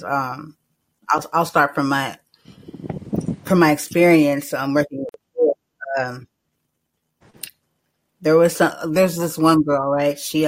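A man's voice: on the high side, poor audio. A young man hosting a live call-in podcast, talking loosely and rambling, with a lot of filler words and some swearing. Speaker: host.

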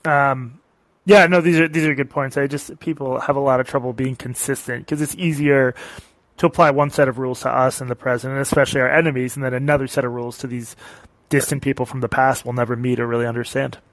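A man's voice: medium pitch, level tone, quick pace, no room sound, poor audio. A male podcast host taking calls, talking casually and thoughtfully, often trailing off with fillers. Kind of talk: casual call-in chat.

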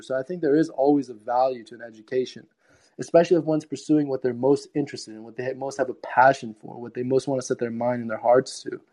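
A man's voice: medium pitch, dark tone. A man calling in to a talk show, giving a long, thoughtful, rambling opinion full of "um" and "uh". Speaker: caller to a live-streamed talk show. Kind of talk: casual call-in opinion.

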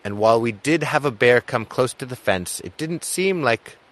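A man hosting a podcast, telling outdoor adventure anecdotes in a casual way, with loud excited bursts and quiet trailing endings. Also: mid-range voice, normal speed. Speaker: podcast host.

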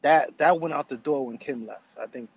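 A man's voice: mid-range voice, breathy edge. A man calling in from a car over a clipped phone line, chatting casually and rambling with fillers. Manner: fast, rambling talker with fillers. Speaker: caller. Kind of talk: casual call-in chat. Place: in a town car. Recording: dull lo-fi phone call with faint car noise.

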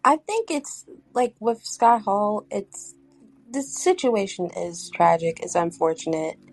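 A woman wrestling journalist on a podcast panel, speaking in a measured, thoughtful way. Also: medium pitch, no room sound. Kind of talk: casual podcast chat.

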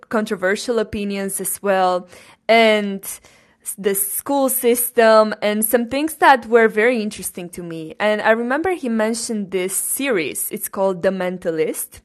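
A young woman from Romania hosting her own podcast, telling her personal story in an earnest, grateful, unhurried way. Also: medium pitch. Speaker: podcast host. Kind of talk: casual personal monologue.

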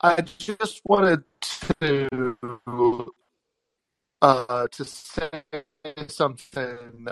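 Halting man in informal solo commentary, dry phone mic. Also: mid-range voice, a bit bright, no room sound, rough recording. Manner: halting, chuckles mid-sentence. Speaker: podcast host taking callers. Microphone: phone held like a call, no headset.

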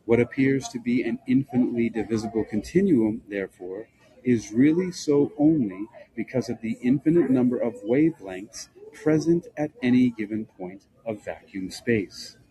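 A man reading a nonfiction book aloud in a measured, formal, scholarly way, with a husky, rough-edged voice. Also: medium pitch, dark tone, poor audio. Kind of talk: scripted narration, reading aloud.

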